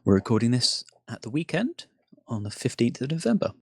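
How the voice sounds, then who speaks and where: A man from the UK hosting a casual podcast chat, relaxed and self-deprecating. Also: mid-range voice, brisk, a little hiss or hum. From United Kingdom. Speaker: podcast host.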